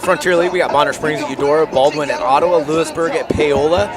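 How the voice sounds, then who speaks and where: A man's voice: a little high, fairly even intonation, quick pace. A man giving live football commentary as a color analyst. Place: outdoor football stadium broadcast. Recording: crowd and music behind outdoor broadcast.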